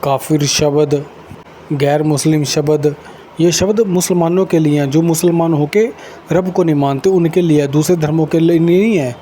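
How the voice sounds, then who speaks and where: A man's voice: fairly high pitch, fairly even intonation, normal speed, mellow, a little hiss or hum. A man preaching a sermon insistently, repeating his phrases in chanted lists.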